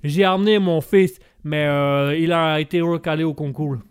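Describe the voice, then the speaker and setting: A man's voice: a little high, fairly even intonation, moderate pace, smooth, natural voice. A man voicing a boastful American who drops English words into his rambling French.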